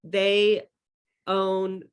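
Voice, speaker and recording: A young woman leads an online wine class over a computer mic. Her delivery is casual and unscripted, full of ums and self-corrections as she moves through her slides. Her voice sits in an ordinary middle pitch. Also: flat delivery, very slow, smooth. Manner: casual, frequent fillers and restarts. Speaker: wine educator.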